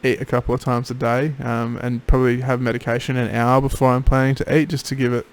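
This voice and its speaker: Male, casual video diarist, worn out after throat surgery, creaky mid-pitched voice, low energy. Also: flat delivery, fast talker. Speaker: patient keeping a recovery video diary. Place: home office.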